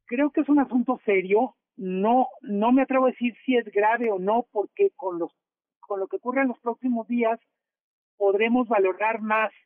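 High-voiced Mexican editor on the phone. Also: male voice, no room sound. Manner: measured, explanatory, careful. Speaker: newspaper editor as guest. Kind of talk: phone interview analysis. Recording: tinny phone line.

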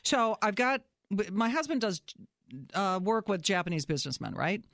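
A woman's voice: mid-range voice, moderate pace, dry recording. Middle-aged woman, casual storyteller, self-mocking, acts out the big moments, dry close sound. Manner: animated, self-mocking storyteller who acts out her own shouts.

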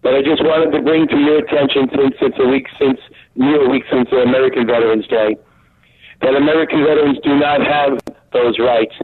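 A man's voice: mid-range voice, fairly even intonation, brisk, slight background noise. A man calling in by phone on speaker, his voice echoing through a second device; he rambles and corrects his own words. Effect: echoing speakerphone call heard through a second device. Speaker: caller. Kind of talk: call-in question on radio. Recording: tinny phone line with echo.

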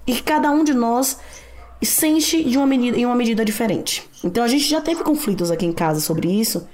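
Earnest mother telling stories warmly. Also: on the high side, brisk. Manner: earnest, animated storytelling with acted quotes. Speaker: mother and podcast guest. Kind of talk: casual conversation.

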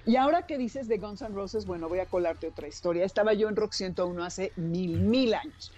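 Mexican woman, animated storyteller. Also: medium pitch, fairly quick, dull audio. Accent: Mexican Spanish. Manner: animated storyteller who acts out quoted voices. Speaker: radio broadcaster, guest. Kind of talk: casual anecdote chat.

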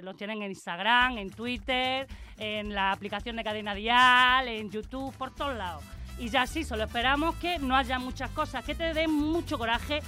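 A woman's voice: sits high, bright, forceful tone. A woman hosting a podcast, joking and teasing in casual chat. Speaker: podcast host.

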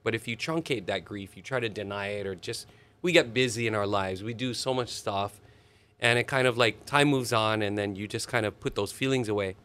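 A man, a musician telling stories in an animated, expressive way during an interview. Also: on the low side, brisk, clear, resonant tone. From Hawaii. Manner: animated, expressive storyteller with sudden laughs. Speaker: musician guest. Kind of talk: casual storytelling interview.

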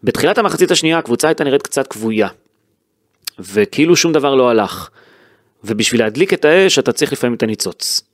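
A man's voice: mid-range voice, animated, no echo, studio quality. A man hosting a sports podcast, chatting casually and animatedly about a football match, with frequent fillers and restarts. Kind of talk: casual football analysis chat.

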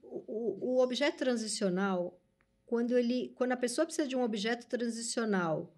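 A woman, co-hosting a casual discussion and thinking aloud with animated restarts. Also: on the high side, moderate pace. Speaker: co-host.

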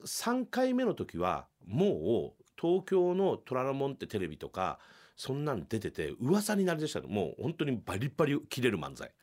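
A middle-aged man hosting a podcast from a small radio studio, telling a comedy story and acting out the people in it with loud, shouted bursts. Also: huge pitch swings, normal speed. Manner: acts out quoted shouting with big pitch jumps. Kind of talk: animated storytelling.

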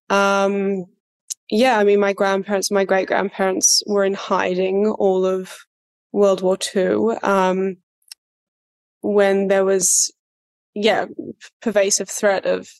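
A woman's voice: mid-range voice, smooth. Chatty young woman. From Australia. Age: 20s. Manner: chatty, many fillers and restarts, laughs easily. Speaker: actor being interviewed. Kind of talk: casual interview chat.

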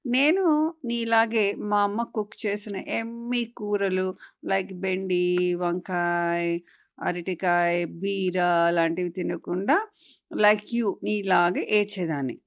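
A woman narrating a children's story in an unhurried way, slipping in English words. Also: medium pitch, dry recording, studio quality.

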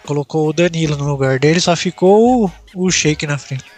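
A man's voice: a little high, moderate pace, darkish tone. A man on a podcast panel, talking casually and bluntly about sports.

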